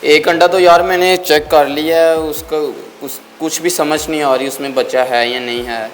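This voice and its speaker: A man's voice: fairly high pitch, fairly even intonation, normal speed, faint music behind. A man casually chatting to his viewers while tending his pet birds at home, talking to them and coaxing them along. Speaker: bird-keeping vlogger. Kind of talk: casual vlog chat. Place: at home, among bird cages.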